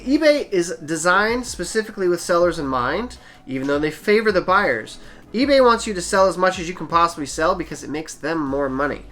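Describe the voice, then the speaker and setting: With a high, fairly bright voice, the man behind this eBay selling channel offers down-to-earth, practical advice. It's a casual how-to delivered straight to the camera.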